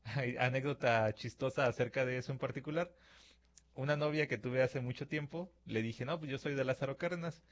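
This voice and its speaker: At a studio microphone, a Mexican man hosts a reflective radio-style podcast, talking fairly quickly in a medium-pitched voice with a Mexican Spanish accent. He addresses listeners conversationally and acts out imagined exchanges peppered with filler words.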